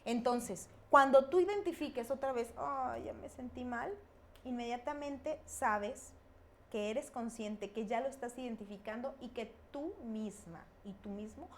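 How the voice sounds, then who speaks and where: A middle-aged woman, talking reflectively as a guest expert, with pauses and fillers. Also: a little high. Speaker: guest expert on emotions and fear. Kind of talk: conversational explaining.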